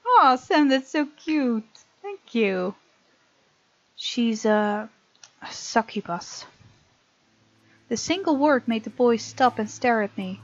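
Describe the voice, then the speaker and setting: A slightly high-voiced woman with lively intonation talks slowly and pauses often, with no echo. She's hosting a let's play, reading the game's text aloud and casually reacting to the story. The mic is muffled and lo-fi, with game music in the background.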